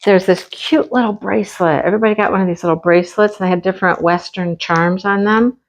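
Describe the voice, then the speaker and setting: On her craft channel, a Michigan woman who's losing her voice shows off items and chats casually, frequently gushing about what she loves. Her medium-pitched voice stays steady in tone while she talks fast.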